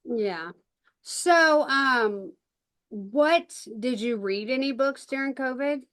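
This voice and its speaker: A woman hosting a casual conversation as a bookshop owner. She talks in a casual, exclamatory way and reacts quickly. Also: high voice, animated, a bit bright, dry recording. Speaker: podcast host and bookshop owner.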